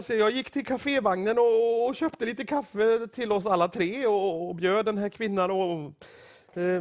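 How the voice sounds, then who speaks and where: A man from Sweden preaching a sermon, telling stories with acted-out quotes and growing excitement. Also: high voice.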